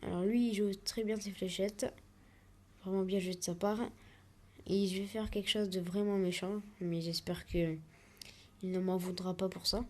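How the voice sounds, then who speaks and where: A woman's voice: mid-range voice, steady tone, moderate pace, mellow. A woman, chatting through her own mobile gameplay live and narrating each move as she makes it. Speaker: let's play gamer.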